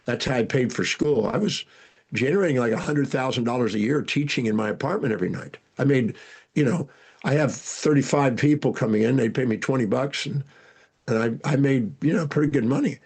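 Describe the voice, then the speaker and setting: An older man with a gravelly, husky voice, telling animated life stories as an interview guest. He talks in a lively way, restarts his sentences often, and keeps a mid-range pitch. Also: brisk. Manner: animated storyteller, frequent restarts. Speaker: guest speaker and educator. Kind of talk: storytelling interview answers.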